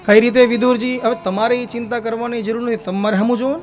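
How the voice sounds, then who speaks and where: Man, Gujarati accent, devotional storyteller, high voice, soft instruments behind. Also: little pitch movement, fast talker, faint music behind. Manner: chanting verses, then narrating with voiced dialogue. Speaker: religious storyteller.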